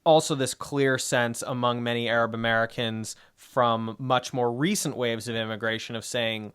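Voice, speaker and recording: Male podcast co-host, mid-pitched and smooth-toned, loose and rambling in conversation. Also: fairly even intonation, moderate pace, a bit bright. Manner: rambling, many fillers and restarts. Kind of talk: casual history discussion.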